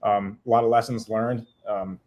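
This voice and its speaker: A man's voice: fairly low pitch, steady tone, moderate pace, a little mellow. A man hosting a casual podcast, upbeat as he reads out live comments and thanks listeners. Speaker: podcast host.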